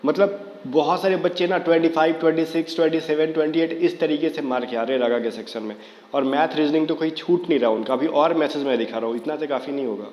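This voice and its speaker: Man, exam coaching teacher, casual video lesson, slightly high voice, echoey room. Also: quick pace, a little mellow. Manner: talks straight to viewers, many fillers like "theek hai". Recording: echoey room with long reverb.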